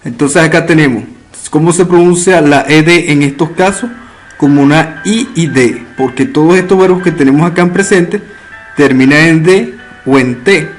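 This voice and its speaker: A man teaching English grammar, explaining step by step and repeating each word slowly for practice. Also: on the high side, soft background music. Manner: slow, careful, repeats words for drill. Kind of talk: explaining a lesson.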